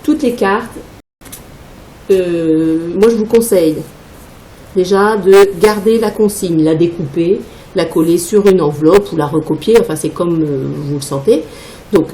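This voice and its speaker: A patient woman teacher explains a phonics card game at an unhurried pace, breaking words into syllables. Her voice is low-pitched and mellow. The room is echoey, with a faint rumble behind her. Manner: patient, slow, spelling out syllables. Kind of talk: instructional demonstration.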